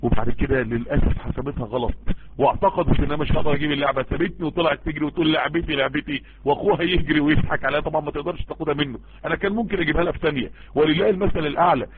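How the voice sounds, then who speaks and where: A man's voice: on the high side, racing, a little hiss or hum. A man with an Egyptian accent preaching and giving religious advice, earnest and emphatic, often repeating himself to drive a point home. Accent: Egyptian Arabic. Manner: earnest, emphatic, addresses listeners directly and repeats for stress. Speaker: preacher answering listener messages. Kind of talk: informal Islamic sermon and advice. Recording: tinny phone-like line.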